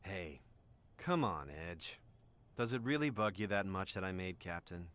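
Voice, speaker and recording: Animated big-brotherly young space captain. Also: male voice, low voice, a little slow, smooth. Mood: teasing, reassuring. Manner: theatrical, playful, reassuring. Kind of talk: English video game voice acting.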